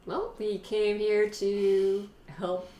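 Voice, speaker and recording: A woman's voice: medium pitch, flat delivery, extremely slow, dark tone, roomy sound, a little hiss or hum. A woman player in a tabletop game, friendly and giggly.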